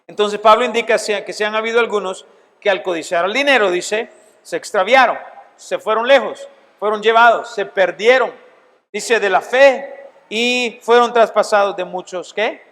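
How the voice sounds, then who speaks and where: A man's voice: high voice, normal speed, fairly bright tone. A middle-aged man, a pastor, teaching a seminary Bible class in an emphatic sermon style, asking his listeners questions. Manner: emphatic, asks the audience questions. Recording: long hall reverb.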